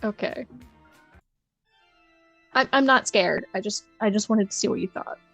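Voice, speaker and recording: A woman's voice: medium pitch, unhurried, creaky, fairly bright tone, dry recording, soft background music. A woman playing a tabletop game, improvising her character's dialogue in a casual way. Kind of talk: casual improvised role-play.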